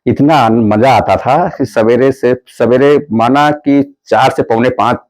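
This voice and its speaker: A man recounting his own story in a relaxed, rambling way, acting out the lines of the people in it. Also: medium pitch, measured pace. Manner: acts out quoted dialogue in the story; plain, rambling spoken Hindi with restarts. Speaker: guest telling his life story. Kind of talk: conversational storytelling.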